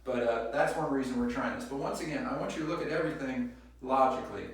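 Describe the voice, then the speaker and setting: A man vlogging casually to camera in a halting, explanatory way, recorded on a phone set up in a small room. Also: mid-range voice. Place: small indoor bathroom, sitting in a tub. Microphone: phone set up away from him. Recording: very echoey room, distant phone mic.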